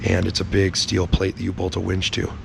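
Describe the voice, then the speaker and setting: A man speaks in a raspy, worn-out voice, hoarse and low, with heavy fry. He explains hands-on work casually and bluntly, swearing freely. There is clear noise behind him. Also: completely flat delivery, a little fast. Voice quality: raspy, strained, gravelly voice. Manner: blunt, swearing, laid-back. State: hoarse, sick with little voice. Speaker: host of a truck build vlog.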